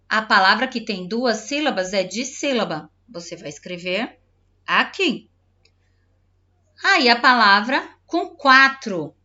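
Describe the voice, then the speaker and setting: A woman teacher patiently explaining a textbook lesson to young pupils, slowly sounding out syllables and talking directly to the children. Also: mid-range voice, pushed and bright, dull audio, slight background noise. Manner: spells out syllables slowly, clapping out words. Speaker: primary school teacher.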